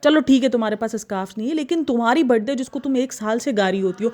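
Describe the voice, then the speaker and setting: Animated gossipy woman reaction vlogger. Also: on the high side, quick pace. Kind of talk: casual commentary.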